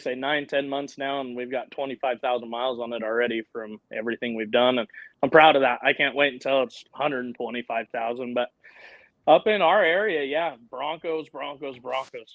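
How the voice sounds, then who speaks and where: A man's voice: medium pitch, no echo, lo-fi sound. A man in his thirties, a guest on a live show, talking about his off-road trips in an upbeat way and laughing easily. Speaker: guest, off-road channel owner. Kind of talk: casual interview chat.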